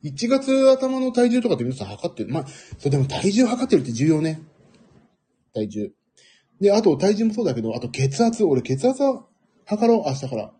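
A middle-aged man with a husky voice hosting a casual, rambling audio stream in a self-deprecating manner. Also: high-pitched, very animated, normal speed, warm tone. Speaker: audio livestream host.

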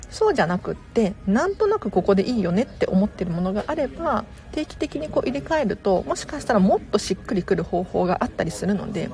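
A young woman hosting a casual live stream, talking politely and chattily with her viewers. Her voice is mellow and warm, and soft little laughs slip in between her tips. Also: mid-range voice.

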